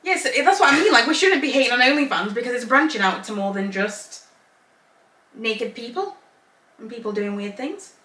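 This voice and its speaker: On the high side, her voice is bright, forceful and animated at a moderate pace. Co-hosting a casual podcast, this woman, born in Zambia and raised in England, rambles in long run-ons and laughs frequently. The setting is an echoey home room in Northern Ireland, with the mic placed far away.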